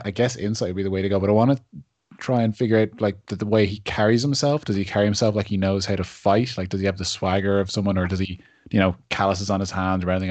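An eager Irish man at a tabletop game, thinking out loud about his character's next move. His voice sounds close and dry. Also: fairly low pitch, no room sound. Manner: eager, quick asides. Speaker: player. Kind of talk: casual tabletop chat.

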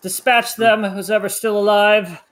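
Man putting on a booming villain voice, magically amplified. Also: little pitch movement, a bit bright. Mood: menacing. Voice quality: slow, drawn-out, gloating. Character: booming menacing male villain leader. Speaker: game master.

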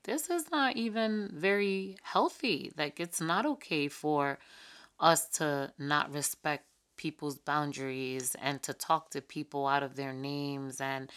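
Low-voiced woman talking earnestly. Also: a bit bright. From New York. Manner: earnest, conversational, many fillers and restarts. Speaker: podcast host. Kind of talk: reflective personal talk.

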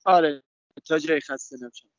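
A young man speaking over a phone line in an interview, talking haltingly with many restarts and fillers. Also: on the high side, background noise. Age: young adult. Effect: heard over a phone line.

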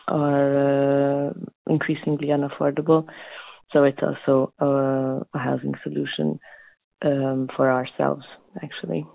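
A man, a housing cooperative activist, answers in a panel discussion in a halting way, searching for words over a video call. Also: mid-range voice, vocal fry, no echo. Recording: tinny phone-like line, dry.

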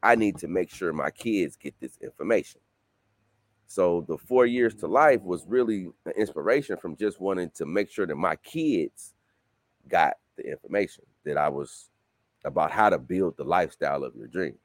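A man in his late thirties, a guest author talking casually in an interview, loose and repetitive, jumping into excited bursts. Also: low voice, normal speed, no room sound. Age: 30s. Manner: loose, repetitive, rising to excited bursts when quoting himself.

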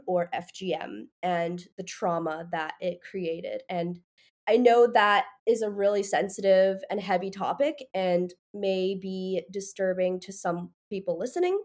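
Woman podcast host, kinda stuffy nasal voice from allergies, upbeat chatty, lots of ums. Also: medium pitch. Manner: upbeat, chatty, frequent fillers. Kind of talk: casual podcast interview.

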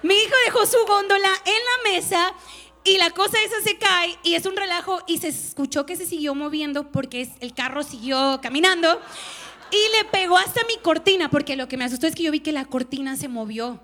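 A woman pastor preaches at a conference, her high voice carrying a lively personal story. She acts out the quoted voices and moves from gentle, hushed moments into stronger emphasis. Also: a little fast, slight background noise. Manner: animated storytelling, laughing, acting out quotes. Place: conference stage.

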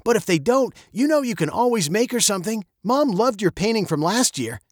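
A man's voice: sits high, very animated, brisk, no echo, studio quality, voice pushed up. A man doing a stammering, unsure dad. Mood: reassuring. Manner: stammering, hesitant then reassuring. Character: flustered loving father, middle-aged man. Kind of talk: audiobook character voice.

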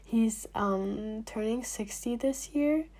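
Here the teenage vlogger speaks slowly, her voice sitting on the high side yet still husky and slightly rough as she recovers from illness. She clears her throat between thoughts, uses plenty of fillers, and lets her casual remarks to the camera fade into near-whispers.

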